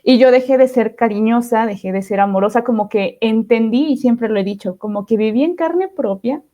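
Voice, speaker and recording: A woman's voice: fairly high pitch, a little fast, warm tone. A woman, a podcast guest sharing her testimony in a reflective way, often asking "¿no?". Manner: reflective, often ends phrases with "¿no?". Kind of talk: testimony interview.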